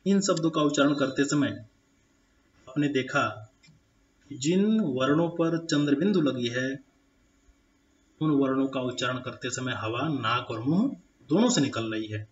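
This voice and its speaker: Slow, deliberate male Hindi teacher. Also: mid-range voice, dull audio. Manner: slow, deliberate, draws out example words. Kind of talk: slide-based grammar lesson.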